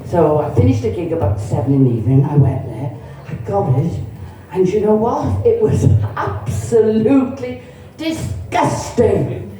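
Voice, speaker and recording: A Cardiff woman in her sixties with a Cardiff Welsh accent jokes bawdily and chattily on a comedy club stage, teasing the crowd. Her warm, medium-pitched voice has lively intonation and a measured pace, captured from a distance in an echoey venue.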